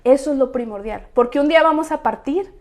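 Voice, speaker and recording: A woman's voice: high voice, fairly quick, darkish tone. Earnest middle-aged woman, emphatic. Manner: earnest, emphatic, preacherly rises. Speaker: co-host of women's ministry talk. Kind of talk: casual faith talk.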